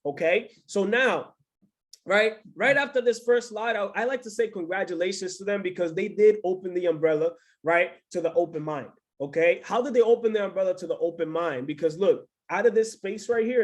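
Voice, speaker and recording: High-voiced, hyped-up male trainer. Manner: hyped, energetic, peppers talk with "right?". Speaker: business trainer. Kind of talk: motivational training talk on a video call.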